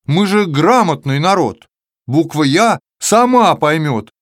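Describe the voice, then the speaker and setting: A man's voice: sits high, a bit bright, dry recording, studio quality, exaggerated voice. A man voicing the whole alphabet as a chorus of letters in a children's verse tale, scolding and reasoning. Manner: lecturing, reasonable.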